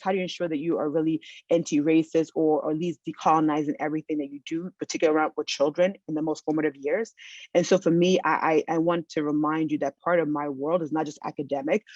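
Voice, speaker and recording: A woman's voice: low voice, darkish tone, dry recording. A woman from the United States giving a conference keynote over a video call from home, earnest, with many fillers and restarts. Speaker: keynote speaker. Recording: dull, dry, lo-fi video call audio.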